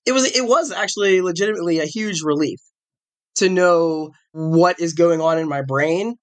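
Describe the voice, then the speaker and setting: This chatty forties-aged podcast host talks at a moderate pace in a voice on the high side. Slightly ill and coughing, he rambles casually, correcting himself and restarting as he goes.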